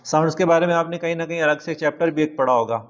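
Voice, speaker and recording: A man with a Pakistani accent teaching a classroom vocabulary lecture. He reads English words slowly and explains them in Urdu. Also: fairly high pitch, fairly even intonation.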